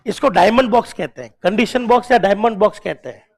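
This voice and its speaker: A man with a notably high voice gives a classroom lecture. He drills each point, repeats it, and keeps firing questions at his students. His tone coaxes and encourages them to keep at it. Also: fast. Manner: coaxing and encouraging toward students. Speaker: teacher.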